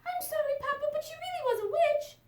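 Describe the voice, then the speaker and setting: A woman voicing an eager, childlike little red chicken who pleads and bursts in excitedly, in a storybook reading. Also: very high-pitched, quick pace, echoey room, voice pushed up. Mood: apologetic, pleading.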